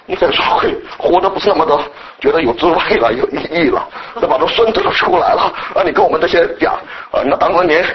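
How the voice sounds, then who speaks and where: A middle-aged man from mainland China preaching a sermon, animated and mimicking scolding elders. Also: on the high side, quick pace, few pauses, breathy edge, lo-fi sound. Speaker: pastor.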